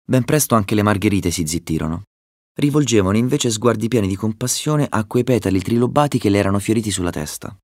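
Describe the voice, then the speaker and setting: A man narrating a storybook chapter in a calm, measured reading. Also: fairly low pitch, no echo, studio quality. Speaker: audiobook narrator.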